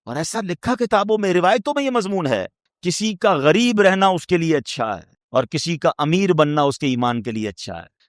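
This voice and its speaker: Man preaching a sermon, high voice, keeps asking the crowd questions, loud high bits then low quiet ones, dry sound. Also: no room sound. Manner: rhetorical, asks the audience questions.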